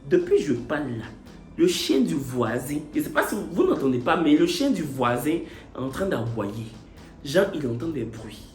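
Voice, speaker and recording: A man's voice: fairly high pitch, big pitch swings, moderate pace, a little mellow, reverberant, faint music behind. A man telling his own love story to camera, a little tipsy late at night, theatrical and repetitive, playing with words. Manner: theatrical, repetitive, playful wordplay. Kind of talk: comic confessional vlog.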